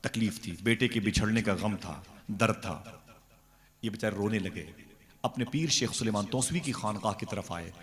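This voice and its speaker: A man preaching at a devotional gathering, telling a story in an animated way, acting out its dialogue and putting questions to his audience. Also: lowish voice, moderate pace. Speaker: religious speaker at a devotional gathering. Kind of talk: sermon storytelling. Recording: long reverb of a large hall.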